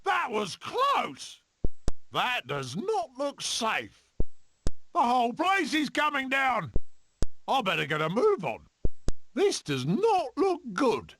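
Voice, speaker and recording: A man voicing an eccentric swashbuckling weasel adventurer in a cartoon game, with a gravelly voice and theatrical, manic delivery. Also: extremely high pitch, wildly swooping pitch, takes it slowly, long pauses, background noise, exaggerated voice. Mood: alarmed.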